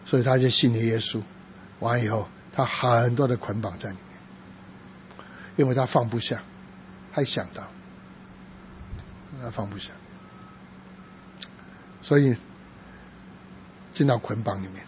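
A man preaching in a sermon, telling a story from his church work in a halting, soft-spoken way, with frequent restarts. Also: mid-range voice. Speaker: pastor. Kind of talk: sermon testimony. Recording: dull lo-fi with faint noise.

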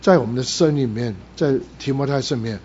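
A pastor leading a fervent, repetitive prayer and then a sermon. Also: male voice, medium pitch, fast talker, a little mellow, lo-fi sound, a little hiss or hum.

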